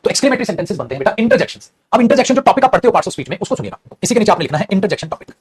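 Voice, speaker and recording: A man's voice: sits high, sing-song, racing, slight background noise. A male teacher giving a classroom grammar lesson, drilling and repeating points and calling his students "beta". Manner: addresses students as beta, repeats and drills, switches between languages. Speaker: English teacher.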